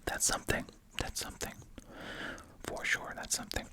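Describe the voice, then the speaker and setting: Gum chewing accompanies this ASMR host's close-mic, breathy, unvoiced whisper as they read aloud and add casual remarks. It moves at normal speed with a pushed, bright quality.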